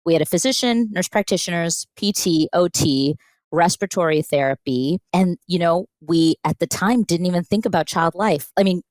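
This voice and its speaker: A woman, a pediatric intensivist, telling the story of her program in a lively conversational podcast interview, acting out remembered dialogue as she goes. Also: lowish voice, moderate pace, dry recording. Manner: animated storyteller, acts out quoted dialogue.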